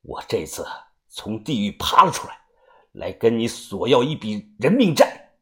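A man voicing a cold, vengeful young man who came back from death, speaking low and quiet. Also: big pitch swings, a little slow. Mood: cold menace.

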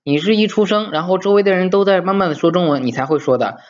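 Emphatic male teacher, slightly high voice. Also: quick pace, muffled recording. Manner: emphatic, coaxing, asks rhetorical questions. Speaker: English teacher. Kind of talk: informal video lesson.

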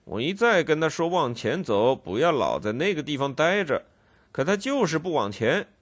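A stern constable barks his orders loudly and curtly, his voice pitched a little higher and harder than the narrator's. A man puts him on while reading a storybook. He sounds flat-out unmoved, firm and cold. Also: normal speed. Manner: curt, unmoved, loud and firm.

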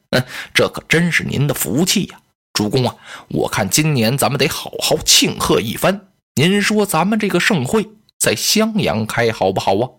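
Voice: mid-range voice, a bit bright, pitched below the performer's own voice. A storyteller voicing a sly, blustering male general who fawns over his lord while plotting. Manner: fawning toward his lord, crafty. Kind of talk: traditional storytelling.

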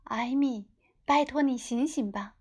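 Woman as a fretful, high-voiced storybook mum. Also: a little slow, a little mellow, breathy edge. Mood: gentle pleading. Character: fretful, caring mother of a sleepy girl. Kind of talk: storybook character voice.

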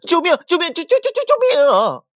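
A man voicing a chattering blabbermouth male myna bird in a children's bedtime story, talking fast and high and repeating himself. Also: dry recording, clean studio sound. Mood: panicked. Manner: rapid, high, repeats itself excitedly.

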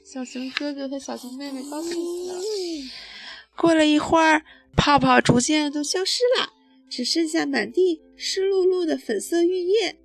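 A woman storyteller reading a children's bedtime story aloud, lively and expressive, now and then asking the young listener questions. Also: high voice, moderate pace, faint music behind.

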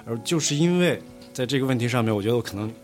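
A man's voice: mid-range voice, animated, racing, a little mellow, faint music behind. A man from Lanzhou, a guest pronunciation coach, explaining things in a casual podcast chat with a patient, teacherly manner. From Lanzhou, China.

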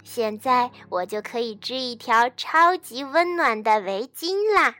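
Woman putting on a little storybook mouse, very high and bright, squeaky, bouncy, swooping up and down. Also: very animated, a little slow, faint music behind, exaggerated voice. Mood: excited. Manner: squeaky, bouncy, loud delivery. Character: eager little mouse, excitable and cheerful.

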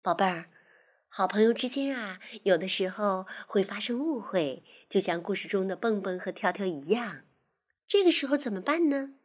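A woman telling a children's story, gently coaxing and talking directly to the little listener. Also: medium pitch, lively intonation, moderate pace.

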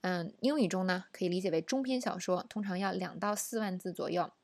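A woman's voice: lowish voice, fairly quick, darkish tone, no echo. A woman teaching a casual language lesson, explaining in a chatty way and often asking the listener rhetorical questions. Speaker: English teacher.

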